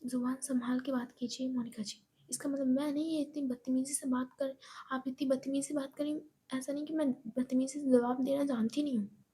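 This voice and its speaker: A woman's voice: high-pitched, fairly even intonation, brisk, mellow, husky. A woman voicing a defiant young wife who speaks firmly and indignantly in her sister's defence. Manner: firm, indignant pleading.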